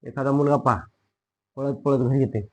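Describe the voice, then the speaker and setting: A man teaching spoken English, who says each phrase slowly and repeats it. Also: medium pitch, steady tone, darkish tone, poor audio.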